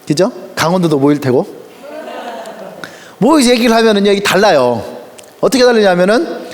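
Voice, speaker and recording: A male pastor delivers a sermon in a high, bouncing voice that swoops up and down. He tells stories playfully, acting out quoted voices and laughing often. The sound carries a long reverb from a large auditorium. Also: sing-song, fairly quick.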